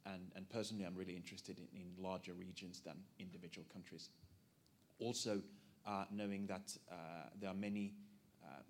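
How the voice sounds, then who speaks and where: A man's voice: low voice, flat delivery, brisk, a little hiss or hum. A man in the audience making a polite, hesitant comment at a conference, repeating words as he goes.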